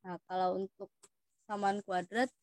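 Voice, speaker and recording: A young woman with an Indonesian accent tutors students through math test questions, calling them "Dik" as she patiently explains. Her medium-pitched voice stays fairly level, moving at a moderate pace with a slightly mellow quality. There's no room sound in the recording.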